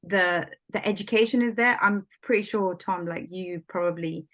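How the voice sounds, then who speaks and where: As a guest in a casual conversation, a Somali-born woman who speaks Swahili as her first language peppers her talk with "like" and "um." Her voice is mid-range and a bit bright, and she keeps a moderate pace.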